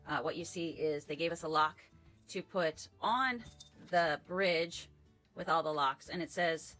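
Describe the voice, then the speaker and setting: A woman's voice: deep voice, unhurried, fairly bright tone, soft background music, low-quality recording. A woman narrating a casual travel vlog in a chatty, upbeat way, with fillers. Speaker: travel vlogger.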